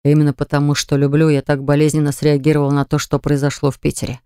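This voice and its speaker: A man's voice: on the high side, completely flat delivery, quick pace, dark tone, clear, resonant tone, no room sound, clean studio sound, close to an everyday voice. A man voicing a jealous young ex-fiancé who pleads earnestly to win her back, in an audiobook. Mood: pleading. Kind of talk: audiobook dialogue reading.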